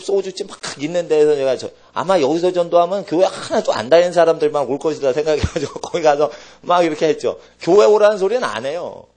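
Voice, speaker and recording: A man preaching from the pulpit with a somewhat high, very lively voice that rises and falls sharply. He moves from near-shouted exclamations down to low, quiet asides, in an animated sermon style. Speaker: pastor. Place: church sanctuary.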